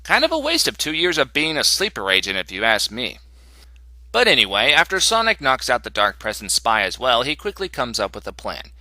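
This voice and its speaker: Snarky bright-voiced man reviewing comics. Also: mid-range voice, huge pitch swings, fairly quick, dry recording. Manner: snarky, exasperated, mocking. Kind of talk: sarcastic comic review voice-over.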